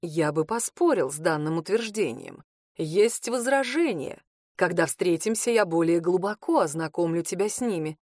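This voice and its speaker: A woman voicing a smug, teasing male lover in an audiobook, speaking low and slow. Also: animated, a little mellow, dry recording, clean studio sound.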